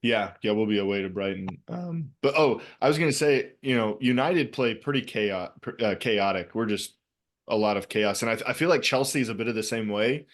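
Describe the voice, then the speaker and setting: Podcast co-host, male, lowish voice, rambling fan talk with frequent "um"s, video call. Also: a little fast. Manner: rambling, many fillers and restarts. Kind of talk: casual soccer chat.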